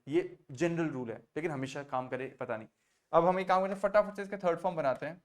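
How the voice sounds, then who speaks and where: A male French teacher, patiently explaining verb forms in a mix of Hindi and English and checking often that everyone follows. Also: on the high side. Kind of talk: online class teaching.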